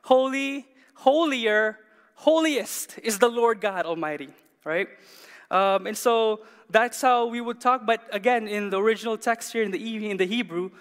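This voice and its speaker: Male pastor, higher voice, emphatic sermon delivery, church reverb. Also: moderate pace, a bit bright. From Canada. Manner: emphatic, repeats words for stress, asks the congregation questions. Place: church hall.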